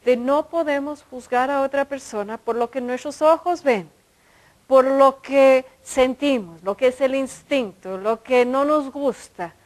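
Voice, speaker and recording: A woman preacher, telling a story from her life as a sermon and acting out the dialogue in a lively way. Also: high-pitched, low-quality recording. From United States.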